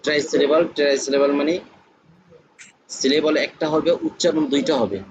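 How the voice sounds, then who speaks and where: A man teaching a classroom lesson, explaining slowly and repeating each point. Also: on the high side, flat delivery, a little hiss or hum, low-quality recording. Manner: slow, repetitive explaining.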